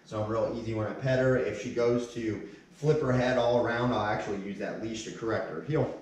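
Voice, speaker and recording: A man's voice: lowish voice, steady tone, brisk. A man in his thirties working as a dog trainer, giving a casual demonstration with short, firm commands and praise for the dog. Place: indoors, hard-floored living room. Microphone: distant fixed camera. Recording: echoey room, far from the microphone.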